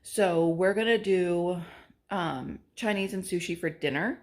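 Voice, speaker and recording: A woman's voice: fairly low pitch, unhurried. A woman vlogging about her food in a casual, chatty way, often breaking into informal asides and interrupting herself. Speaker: vlogger sharing meals and recipes. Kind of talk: casual cook-with-me vlog chat.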